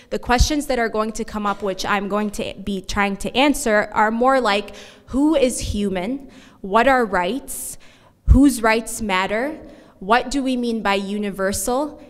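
Standing at a podium microphone, a young woman presents an academic paper in a measured, steady manner at an ordinary middle pitch, restarting a few times as she reads from notes. A large conference hall's long reverb trails after her words.

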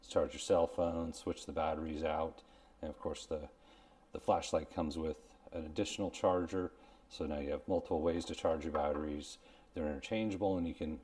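This product review host, a man in his forties, talks to camera in a bass voice with a darkish tone, explaining things in a plain-spoken, casual way. He's in a small room at home, and despite the clip-on lavalier on his shirt, he comes across as recorded from a distance.

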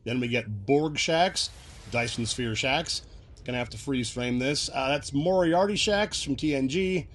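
A man hosting a casual recap video, chatty and quick to laugh as he explains references. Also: mid-range voice, a bit bright, a little hiss or hum. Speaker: video host.

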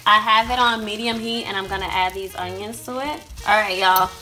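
Cooking at home for her vlog, a chatty young woman walks y'all through every step. She speaks briskly in a steady mid-range voice that sounds pushed and bright, with music and sizzling food behind her.

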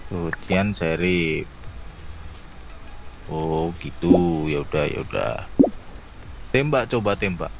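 A man on casual game voice chat, his voice disguised deep and slow by a voice changer. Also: expressive, creaky, faint music behind. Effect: voice changer pitching the voice deep and slow. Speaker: player in an online party game.

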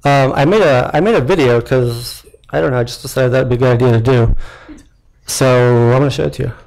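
A young founder's mid-range voice, slightly fast, creaky and a touch mellow, comes through a podium mic as he gives an informal live product demo. Standing in a lecture hall at a tech meetup, he restarts often and uses many fillers.

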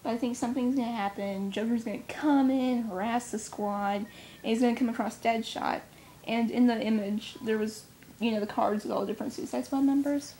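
Young woman, comic fan co-host; rambling, giggly, slightly high, faint rumble behind. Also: steady tone, a little fast, warm tone. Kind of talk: casual chat.

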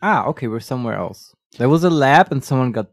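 A man's voice: medium pitch, lively intonation, fast talker, no echo, studio quality. A man co-hosting a let's play with casual, joking commentary.

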